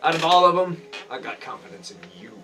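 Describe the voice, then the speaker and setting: A man's voice: fairly high pitch, fast. A man talking casually as a player in a tabletop game. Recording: music clearly behind the voice.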